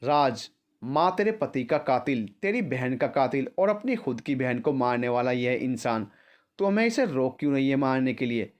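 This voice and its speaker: A man's voice: medium pitch, sing-song, moderate pace, natural voice. Male narrator doing a grieving old mother, plain mid voice, pleading questions. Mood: demanding, grieving. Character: grieving elderly mother demanding answers.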